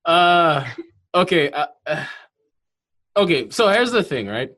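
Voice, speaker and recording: A host leading a casual interview, relaxed and full of fillers, inviting viewers to comment. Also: mid-range voice, slow pace. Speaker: podcast host.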